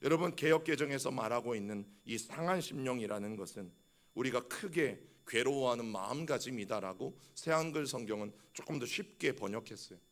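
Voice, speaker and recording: A man's voice: medium pitch, expressive, fairly quick. A middle-aged male senior pastor preaching a sermon with passion, often calling out to his congregation and acting out heartfelt prayers. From South Korea. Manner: impassioned preaching with repeated direct address to the congregation; acts out heartfelt prayers aloud.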